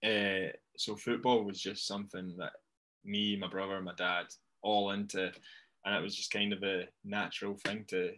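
A young man with a Fife accent from Scotland talks casually in an interview. His voice sits a little low and has a bright, forward edge. He comes across as good-humoured and modest about himself. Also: little pitch movement, moderate pace. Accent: Fife Scottish. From Dunfermline, Fife, Scotland. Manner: informal, self-deprecating, good-humoured. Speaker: professional wrestler, interview guest.

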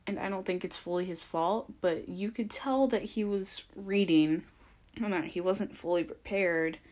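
A young woman giving a casual, opinionated recap as a podcaster, rambling conversationally through her points. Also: fairly low pitch.

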